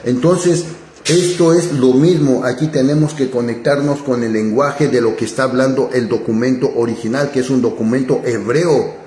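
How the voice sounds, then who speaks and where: A man teaching scripture in a halting way, repeating words and checking in with a rising "¿sí?". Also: medium pitch, darkish tone. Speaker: bible teacher. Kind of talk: spoken bible teaching. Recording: echoey room, faint noise.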